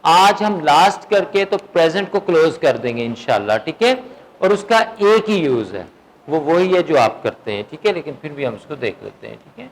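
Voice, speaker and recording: A man's voice: on the high side, lively intonation, poor audio. Guy teaching english in class, asks stuff then answers it himself, faint background noise. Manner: drills vocabulary, asks questions and answers them himself; slow dictation of English sentences. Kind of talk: classroom lecture.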